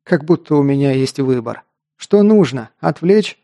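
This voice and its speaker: A ragged, nervous stranger, as a male narrator voices him, answering in short slangy phrases. The voice stays low, gravelly and mellow in a dry, close audiobook read. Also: expressive, measured pace, no echo. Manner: laconic, uses street slang.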